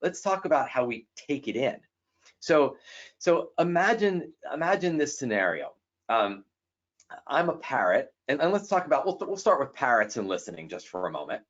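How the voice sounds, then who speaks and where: Guy talking about personality types, super lively voice, acts out people, kinda muffled lo-fi audio. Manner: animated, acts out quoted people with quick jumps in pitch. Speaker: speaker on personality styles. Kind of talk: lively talk with a guest. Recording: dull lo-fi sound.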